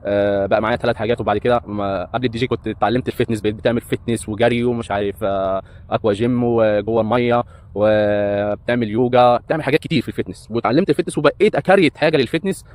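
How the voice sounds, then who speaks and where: He speaks rapid-fire in a voice on the low side, with fairly even intonation. The man, in his thirties with an Egyptian Arabic accent, is a breakdancer and hotel entertainer telling his life story in a casual, rambling monologue, hesitating often with fillers.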